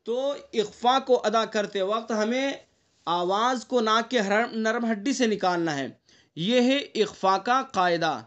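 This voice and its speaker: A man with a strikingly high voice leads an online class on Quran recitation. He explains each rule patiently, stops often to ask whether the students follow, and sounds out the nasal tones himself to show the difference. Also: fairly bright tone, highs cut off.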